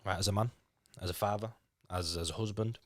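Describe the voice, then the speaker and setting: This podcast guest, a Lithuanian man in his thirties who speaks with a Yorkshire accent, chats casually and candidly, often swearing and starting words over. His voice is fairly low and steady, delivered quite quickly. Lithuanian is his first language, and the podcast-mic audio is studio quality without room sound.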